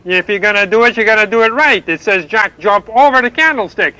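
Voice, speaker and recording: Kermit the Frog. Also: male voice, high-pitched, brisk, sharp tone, no echo, poor audio. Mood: exasperated. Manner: patient, explaining, announcer-like. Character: chipper male frog TV reporter, earnest and fussy. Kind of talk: puppet TV sketch.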